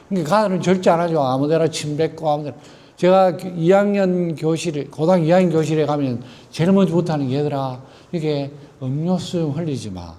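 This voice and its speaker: Mellow-voiced Gyeongsang man giving a lecture. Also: fairly high pitch. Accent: Gyeongsang Korean. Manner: acts out quoted voices and poses rhetorical questions. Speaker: teacher giving a guest lecture. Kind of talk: storytelling public lecture.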